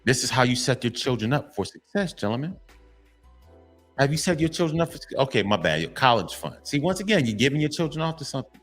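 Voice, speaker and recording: An earnest man in his thirties speaks to fathers in a motivational monologue. His voice sits at an ordinary middle pitch. He is emphatic and repetitive, restarting his sentences as he presses his point, with soft music playing behind him. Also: very animated, fast. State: tearful at times. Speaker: vlogger addressing fathers.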